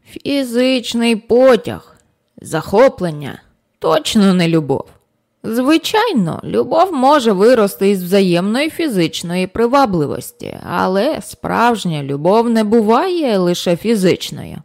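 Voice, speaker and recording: Female narrator doing a wise old man for an audiobook: slow, gentle, patient explainer. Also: medium pitch, very animated, creaky, full character voice. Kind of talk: audiobook character reading.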